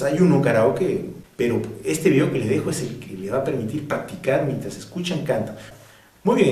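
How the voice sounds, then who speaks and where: A man teaching French pronunciation to Spanish speakers, drilling words slowly and carefully and now and then breaking into a bit of off-key singing. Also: mid-range voice, a little mellow, roomy sound, far from the mic.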